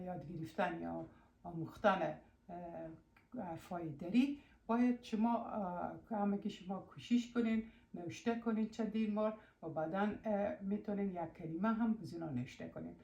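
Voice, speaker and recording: A woman with an Afghan Dari accent teaching a language lesson, patiently asking questions, answering them herself and repeating words slowly. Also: medium pitch, a little mellow. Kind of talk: spoken lesson. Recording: roomy echo.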